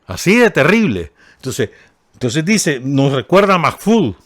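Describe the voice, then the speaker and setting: A man's voice: fairly high pitch, very animated, unhurried, fairly bright tone. A man with a Nicaraguan Spanish accent giving radio commentary, talking casually and checking in with his listeners as he reads and remarks on a column. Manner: conversational, asks listeners for agreement, ironic asides. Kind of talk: spoken commentary reading and discussing a column. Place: radio studio.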